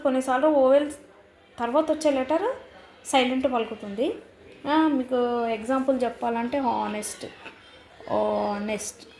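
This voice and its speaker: Woman teacher, patient and repetitive, spells words letter by letter; slightly high voice, echoey room with faint background noise. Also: a little mellow. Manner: slow and repetitive, spelling words out letter by letter, many drawn-out "aa" fillers. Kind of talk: explaining teaching methods for young children.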